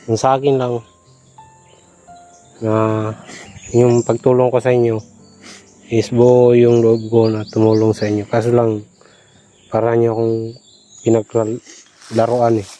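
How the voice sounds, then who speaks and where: A man, talking casually in a vlog, soft-spoken and pleading as he coaxes. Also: medium pitch, completely flat delivery, unhurried, pauses often, faint music behind. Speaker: vlogger.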